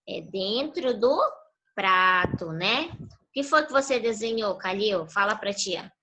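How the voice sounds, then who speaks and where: Bright-voiced woman teaching children. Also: medium pitch, lively intonation, slow pace, a little hiss or hum, low-quality recording. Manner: patient, prompting with fill-in questions. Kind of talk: online class review for young children. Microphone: video call.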